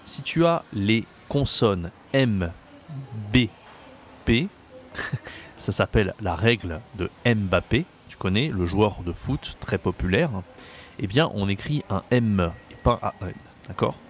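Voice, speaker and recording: A man teaching a video lesson on pronunciation, slow and patient, repeating words and checking that the listener follows. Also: fairly low pitch, lively intonation, slight background noise. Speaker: French teacher. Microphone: camera mic.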